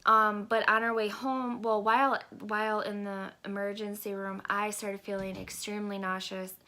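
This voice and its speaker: A woman vlogger gives a casual pregnancy update, her stuffy, congested voice rambling along with many hesitant ums. Her pitch is medium and her tone level, delivered at normal speed with a pushed, bright quality.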